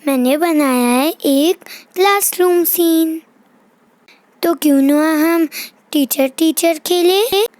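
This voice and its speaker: A tiny, piping little girl chatters away in a slow, sing-song manner, fussing over her toys and scolding her brother. Her voice sits extremely high and unhurried, and the recording is close and dry, with no room around it. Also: darkish tone, no room sound. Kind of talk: toy doll play voice-over.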